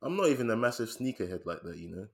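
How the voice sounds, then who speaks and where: A British man talks films with a friend in an easy, animated way. He laughs often and trails off into a quieter, lower register when he turns thoughtful. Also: very fast. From United Kingdom. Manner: animated, laughs often, drops to a low murmur. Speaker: podcast co-host. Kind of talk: casual film review chat.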